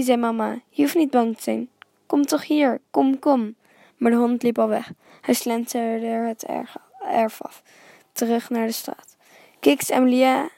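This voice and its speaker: Female storyteller for a children's book: calm, even, gravelly, dry close sound. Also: fairly high pitch, dry recording. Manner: calm and steady, dropping to a near whisper at times, with small reading slips. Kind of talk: reading a children's story aloud.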